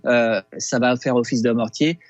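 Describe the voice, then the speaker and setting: A man with a Québécois accent, a chef talking through a recipe on a casual radio segment, halting with many fillers and restarts over a phone line. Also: mid-range voice, fairly even intonation, no echo. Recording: dull lo-fi phone sound.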